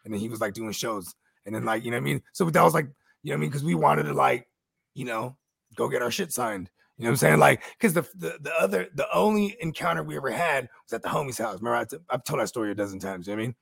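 Rambling co-host, thirties man, husky and gravelly, quick chatter. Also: mid-range voice, lively intonation, fairly bright tone, dry recording, clean studio sound. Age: 30s. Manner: rambling storyteller, fillers like "you know what I mean". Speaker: podcast co-host. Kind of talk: casual chat.

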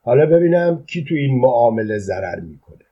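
A man's voice: mid-range voice, very animated, mellow. A man doing a hard-nosed, dismissive farm boss. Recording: dull lo-fi recording.

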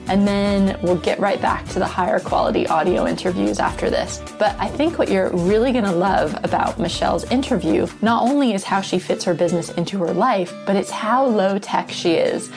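A woman podcast host speaking casually to her listeners. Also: medium pitch. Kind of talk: casual podcast introduction and interviewing.

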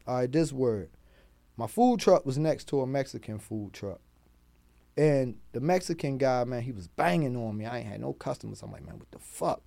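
A man with a Baltimore accent, a podcast guest telling street-smart stories in a casual, profane, animated way. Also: medium pitch, moderate pace, vocal fry, dry recording. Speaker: guest, rapper and food truck owner.

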